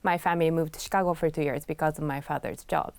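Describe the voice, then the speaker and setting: A woman from Japan, speaking as a pianist guest in a conversational interview. She talks in a soft-spoken way, with light laughs. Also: low voice, fairly even intonation, fast talker, no echo.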